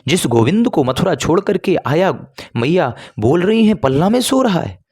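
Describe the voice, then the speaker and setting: A man's voice: fairly high pitch, big pitch swings, moderate pace, darkish tone, breathy edge, pitched above the performer's own voice. A man playing an earnest male royal messenger who speaks formally and exclaims in astonishment. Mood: astonished.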